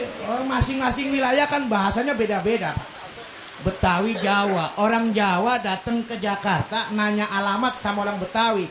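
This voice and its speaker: High-voiced guy preaching, cracking jokes, yells to make his point, chants verses slow. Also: slight background noise. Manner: animated, jokes often, bursts into loud emphatic shouts; chants Quranic verses slowly. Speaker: Islamic preacher. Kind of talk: humorous sermon to a congregation. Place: iftar gathering at a workplace prayer community.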